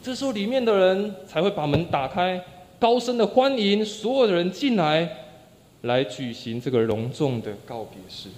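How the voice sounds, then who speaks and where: A man preaching a sermon, telling a story with acted-out quotes, his voice dropping soft and low at the ends of phrases. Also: very animated, normal speed. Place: church sanctuary. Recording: long church reverb.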